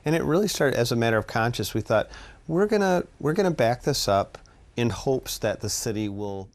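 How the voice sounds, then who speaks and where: A man's voice: medium pitch, lively intonation, normal speed. A man talking casually as an interviewee in a news report.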